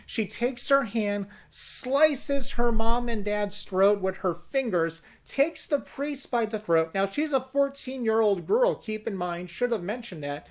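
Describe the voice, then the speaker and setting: A person pitching a comic horror movie in deliberate, dramatic narration. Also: lively intonation. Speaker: storyteller.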